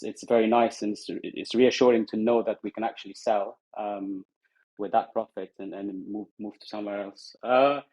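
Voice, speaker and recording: A man's voice: on the low side, darkish tone. A man from Afghanistan, a guest in an interview, speaking hesitantly with many ums and restarts. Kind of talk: casual interview. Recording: muffled social audio stream.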